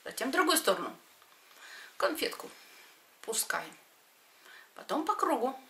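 A middle-aged woman teaching exercises to camera, giving short step-by-step instructions with pauses between them. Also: high voice, sing-song, gravelly, pushed and bright, a little hiss or hum. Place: indoors, in front of a padded wall.

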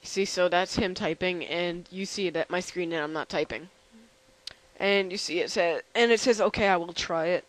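A man's voice: sits high, a bit bright, low-quality recording. Tired young man rambling through a demo. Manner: rambling, halting with many fillers. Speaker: channel host. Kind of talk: casual software demo.

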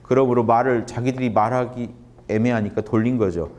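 A man's voice: mid-range voice, steady tone, brisk, a little mellow. A man giving a scripture lecture, retelling the story in casual speech with playful, joking asides. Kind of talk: lively lecture retelling a Bible passage.

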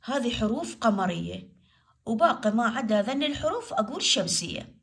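A woman teacher with an Iraqi Arabic accent, giving a grammar lesson to primary pupils. She goes slowly, repeats each example word and asks questions that she answers herself. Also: on the high side, very animated, gravelly, a bit bright.

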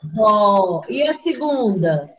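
A woman's voice: mid-range voice, big pitch swings, extremely slow, poor audio. A woman with a Brazilian Portuguese accent teaching young children in an online class. She is patient, spells words out syllable by syllable and asks the class questions. Her voice comes through a video call from a computer. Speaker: primary school teacher.

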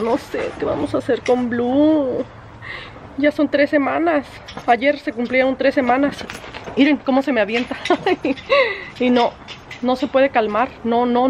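A woman vlogging casually from home, chatty and exasperated, sometimes breaking off to scold her dog in sharp high bursts. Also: a little hiss or hum. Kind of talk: casual vlog chat. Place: at home, indoors and outdoors.

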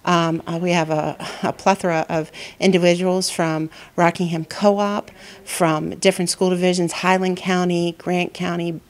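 A middle-aged woman with a fairly low voice speaks as a school principal in an interview. She pauses often with fillers and restarts her sentences. She is recorded close-up in a school hallway. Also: level tone. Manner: hesitant, many fillers and restarts. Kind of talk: interview answers.

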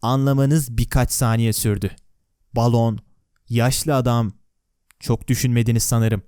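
In an unhurried, warm, smooth voice of medium pitch and fairly even intonation, a man narrates a video with no echo. The script sounds conversational, laced with sarcastic, wry comments and questions to the viewer, picked up on a close, dry voice-over microphone.

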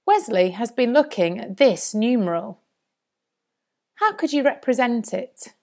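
A woman's voice: fairly high pitch, big pitch swings, a little slow, a little mellow. A woman presenting a scripted lesson for young children as a primary teacher, in a singsong manner. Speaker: primary school maths teacher.

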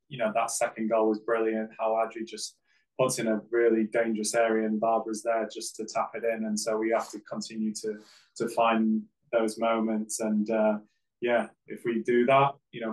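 A man, a football coach answering press questions after a game on a video call, measured and full of fillers. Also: fairly low pitch, low-quality recording. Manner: measured, flat delivery with many fillers. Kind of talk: post-game press conference. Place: press backdrop, indoors.

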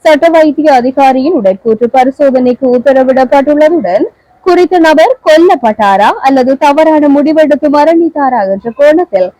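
A woman with a Sri Lankan Tamil accent reads the evening news in a steady, formal manner. Her voice is high yet mellow in tone. The recording is close and dry. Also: no echo, poor audio. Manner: steady, measured, formal delivery. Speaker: newsreader.

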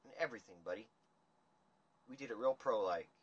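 A young man hosting a casual livestream chat, ranting in a rambling, profane, animated way. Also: lowish voice, fairly quick, husky, muffled recording. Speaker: livestream host. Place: dim room indoors. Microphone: phone camera at table.

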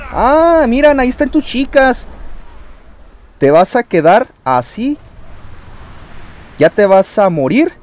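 A very high-voiced Mexican man narrates his gameplay with wild, leaping intonation. He taunts his foes and yells at the screen, with a faint hiss underneath. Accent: Mexican Spanish. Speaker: gaming YouTuber. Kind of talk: excited gameplay commentary.

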